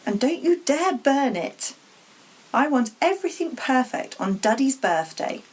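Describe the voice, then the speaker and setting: Woman voicing shrill, bossy Aunt Petunia, very high. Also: big pitch swings, unhurried, husky, exaggerated voice. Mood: demanding. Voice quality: shrill, screechy. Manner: snapping, demanding.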